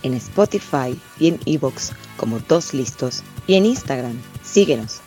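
A woman's voice: rumbling low, expressive, unhurried, warm tone. A synthetic woman's voice as a sultry disembodied female spirit. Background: clear music.

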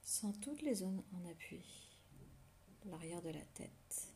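A woman whispers a guided meditation right in the listener's ear, low and creaky. She gives slow, soothing relaxation cues with long pauses between them. There is faint noise behind her voice. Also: expressive, warm tone.

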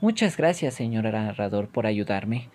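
A man's voice: fairly low pitch, sing-song, unhurried, darkish tone. A man voicing a curious, polite little boy asking naive, eager questions in a scripted educational dialogue. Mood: grateful.

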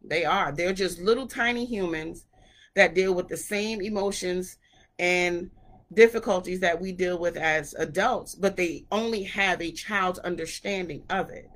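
Bright-voiced mother, casual and conversational. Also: fairly low pitch, unhurried. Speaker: mother talking about her children. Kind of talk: casual parenting talk to camera.

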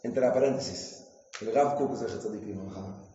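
A man, a rabbi giving a lively Torah class in a synagogue, quizzing his listeners and joking with them. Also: on the low side, normal speed, a little hiss or hum. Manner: jokes and quizzes the audience with questions. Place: synagogue hall. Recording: echoey hall, dull lo-fi sound.

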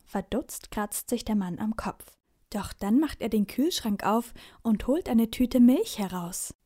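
Lady reading a kids' bedtime story, clear, kinda high voice. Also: animated, measured pace, dark tone. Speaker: narrator.

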